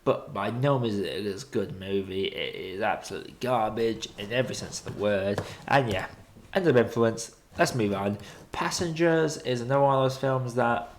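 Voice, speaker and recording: A man's voice: fairly low pitch, moderate pace. A British man giving casual film review commentary as a streaming host, blunt and opinionated in colloquial language.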